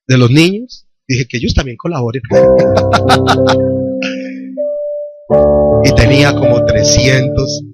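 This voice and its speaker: Speaking slowly and pausing often, this Colombian pastor has an animated, mid-range voice. His sermon in a church hall begins as a personal story with quoted dialogue and builds to fervent call-and-response questions for the congregation. Worship music plays loudly throughout the recording.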